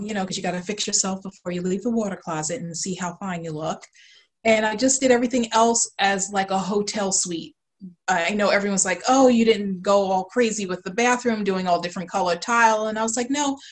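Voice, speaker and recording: A woman guest on a video call talking about her design work, gushing and full of fillers. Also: medium pitch. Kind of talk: casual interview.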